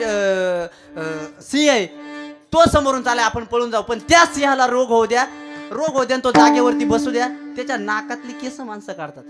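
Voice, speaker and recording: Marathi-accented male kirtan preacher, high voice, emphatic storyteller, live temple feel with instruments behind. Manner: emphatic, repeats key phrases, jokes with the audience, breaks into chant. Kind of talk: devotional kirtan sermon with storytelling and sung verses. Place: village temple.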